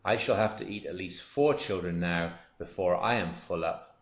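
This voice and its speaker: A man's voice: sits low, normal speed. A man voicing a huge, greedy crocodile who mutters his scheming plans to himself in a storybook reading. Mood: hungry. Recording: roomy, dull lo-fi recording.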